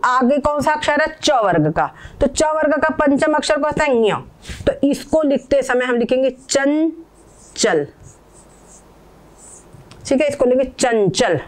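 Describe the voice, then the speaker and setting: A woman with a high voice teaches a pronunciation lesson. She explains patiently, says each example word slowly more than once, and keeps asking whether the learners have understood. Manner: patient, repeats words slowly, checks understanding. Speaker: Sanskrit teacher.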